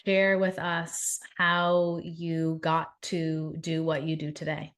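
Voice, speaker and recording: A woman's voice: low voice, completely flat delivery, takes it slowly. A woman hosting a podcast, interviewing her guest with enthusiasm. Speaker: podcast host.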